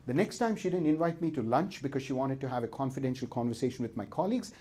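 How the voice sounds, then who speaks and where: A man giving a humorous seminar talk, telling stories in a lively way and acting out voices. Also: medium pitch, fast talker. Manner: lively storytelling with acted-out voices. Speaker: speaker.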